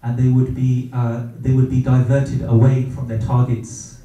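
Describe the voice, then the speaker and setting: Sharing a personal experience in a reflective religious talk, a middle-aged man speaks gently and reverently in a deep, mellow, very dark voice. His delivery is flat and unhurried, hesitant, with many pauses and fillers as he gathers his thoughts. He is far from the mic, and strong room echo wraps each phrase.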